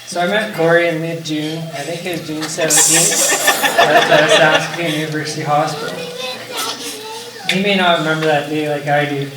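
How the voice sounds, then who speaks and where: A man's voice: on the high side, fairly even intonation, normal speed. A young man from Canada giving a wedding toast as best man, telling light anecdotes. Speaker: best man, groom's older brother. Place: large echoey indoor reception room, mic far away. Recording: very echoey, distant, noisy event hall.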